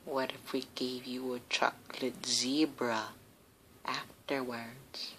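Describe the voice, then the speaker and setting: A woman's voice: extremely low pitch, level tone, slow pace, fairly bright tone, exaggerated voice. A woman voicing a small toy puppy who pleads sweetly with feigned helplessness in a homemade plush toy play. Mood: pleading. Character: small pleading puppy toy asking big lion for help. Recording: noisy amateur phone camera recording.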